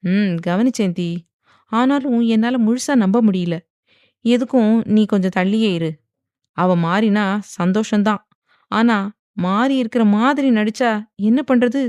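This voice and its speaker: Casting: a bossy, teasing husband with calm mock threats, voiced by a woman narrator. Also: medium pitch, unhurried, long pauses, no echo, lightly acted. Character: domineering, teasing young husband. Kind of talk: dramatized audiobook reading.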